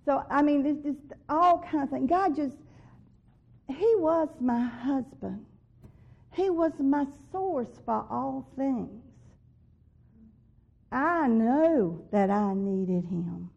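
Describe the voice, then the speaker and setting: A woman's voice: high voice, expressive, takes it slowly, vocal fry, long pauses, slightly rough. A woman giving an earnest personal faith testimony, growing emphatic when she repeats what she believes God told her. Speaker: testimony speaker. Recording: dull lo-fi recording.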